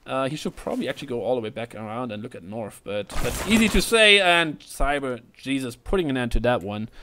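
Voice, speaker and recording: Male esports caster, medium pitch, excitable live play-by-play. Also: a little fast, slight background noise. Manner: excitable, rises sharply in pitch and volume at big plays.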